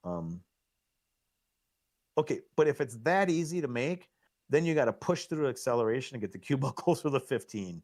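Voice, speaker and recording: A middle-aged man giving excitable, coaching commentary on a live pool match, laughing at himself often. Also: mid-range voice, normal speed, pauses often.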